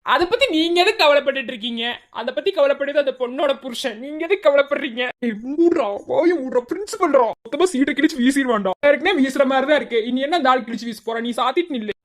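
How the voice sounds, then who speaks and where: Cartoon role: woman as cheeky male college student, quick high wisecracks. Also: expressive. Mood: sassy. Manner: mocking back-talk.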